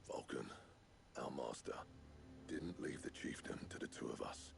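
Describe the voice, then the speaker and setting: A gruff gravelly blacksmith. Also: male voice, a bass voice, unhurried, heavily acted. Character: gruff male master blacksmith, blunt and stubborn.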